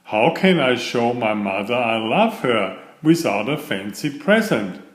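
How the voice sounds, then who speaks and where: An earnest young turtle boy from a storybook, read by a man, full of questions. He speaks slowly with a lively, moving pitch in an echoing room. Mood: earnest, puzzled. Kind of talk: children's storybook character. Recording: roomy echo.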